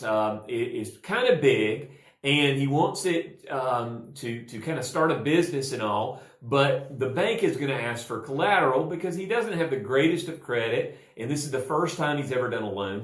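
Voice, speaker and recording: Easygoing pastor telling jokes, echoey. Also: male voice, mid-range voice. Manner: easygoing, with fillers. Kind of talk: telling jokes and a Bible verse. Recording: roomy echo.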